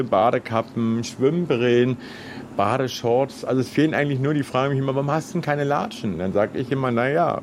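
A man's voice: lowish voice, darkish tone. A man talking in a chatty, colloquial and effusive way, like a kiosk vendor being interviewed. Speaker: swimming pool kiosk vendor. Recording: clearly noisy outdoor location.

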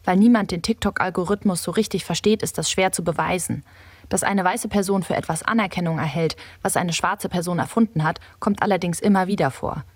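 A woman reporter reading a scripted radio feature in a measured, explanatory way. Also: fairly low pitch, husky, dry recording.

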